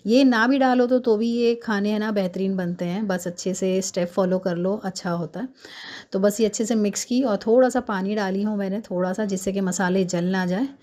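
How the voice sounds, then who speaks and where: Woman rushing thru a cooking voiceover, chatty, kinda mellow soft tone. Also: medium pitch, fairly even intonation. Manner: hurried, chatty step-by-step explaining. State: fasting. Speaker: home cook vlogger. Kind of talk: cooking voice-over. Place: home recording, voice-over.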